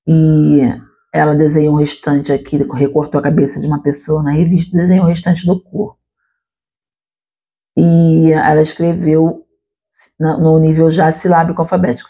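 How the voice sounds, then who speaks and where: A woman's voice: deep voice, warm tone, husky. A woman teacher, explaining her classroom work in a lecture and checking in with listeners as she goes. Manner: explanatory, addresses listeners directly with frequent "tá?" and "né?".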